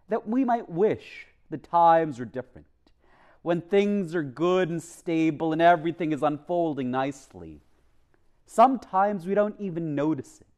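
A male priest with a higher voice and a darkish tone preaches a homily from a lectern in a church chapel. He is earnest and deliberate, pausing for emphasis in measured preaching, and the lectern microphone captures him.

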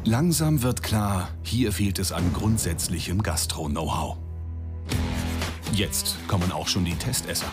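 A man's voice: sits low, measured pace. A man narrating a reality TV show with ironic, dramatic scripted voice-over. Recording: music under voice-over.

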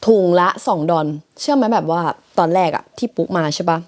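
A woman's voice: lowish voice, animated, fairly quick, slight background noise. A young woman from Thailand chatting casually to her viewers in a vlog from her bedroom, loose and full of fillers. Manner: chatty, filler-heavy, addresses viewers as everyone. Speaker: vlogger. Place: her bedroom in a shared house.

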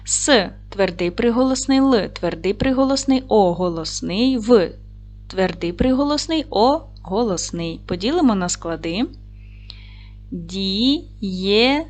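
A woman teaching a recorded lesson for young children, speaking clearly and slowly with encouraging praise. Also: medium pitch, expressive, a little mellow. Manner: clear, slow, encouraging classroom delivery. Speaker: primary school teacher.

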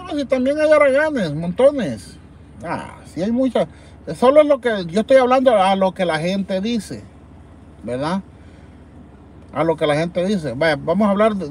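High-voiced Salvadoran man chatting from his car. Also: slight background noise. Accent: Salvadoran Spanish. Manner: rambling, animated, talks straight to viewers. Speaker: livestream host. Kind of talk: casual live chat reading viewer comments. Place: parked car at night in an urban lot.

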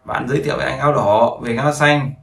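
A man teaching beginners, with a gravelly, fry-edged voice that keeps repeating points and checking in with his listeners. The sound is roomy and echoey. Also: medium pitch, steady tone, fast talker, far from the mic. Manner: repetitive, checks in with listeners often. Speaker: English teacher. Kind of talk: explaining grammar to beginners.

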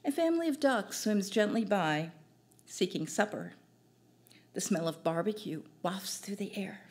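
Older woman reciting her own verse at an open mic; slow, soft, mid-pitched, measured. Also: expressive. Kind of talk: poetry reading. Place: small cafe stage, indoors. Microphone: stand mic at a distance.

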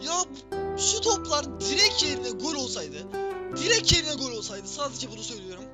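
Shrill, yelling football-game commentator man. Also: very animated, moderate pace, loud music behind the voice. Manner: shouts, groans and swears at the game. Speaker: gaming video host.

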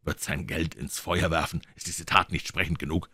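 A man voicing a proud, commanding prince who speaks low and measured. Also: fairly even intonation, sharp tone, breathy edge, no echo, full character voice. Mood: haughty.

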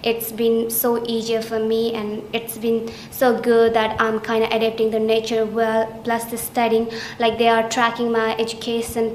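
Flat-voiced young woman student. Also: a little high, slight background noise. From Nepal. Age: young adult. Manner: hesitant, many fillers, flat steady delivery. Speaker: international student. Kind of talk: testimonial interview answers. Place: small indoor study room. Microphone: camera at chest framing. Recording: roomy indoor echo, faint ambience.

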